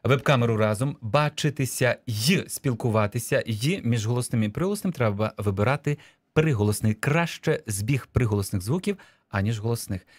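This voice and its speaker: Male radio teacher, middle pitch, dry studio sound, patient and explanatory, dictates key words slowly. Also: lively intonation, a little mellow, no room sound. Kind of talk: radio lesson explaining spelling rules.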